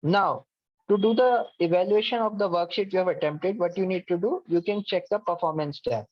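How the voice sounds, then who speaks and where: A man with a high voice guides students through an online course platform at a fairly quick pace, patiently giving step-by-step instructions and frequently saying "okay." He's on a video call mic, and the recording is a dull, dry lo-fi call.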